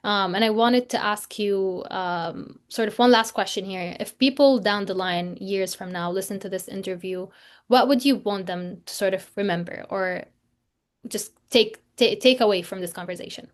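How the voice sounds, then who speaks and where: A woman's voice: medium pitch, moderate pace. A young woman hosts an interview in a conversational way, her voice in a mid range. She often fills her sentences with "like" and "sort of". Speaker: podcast host.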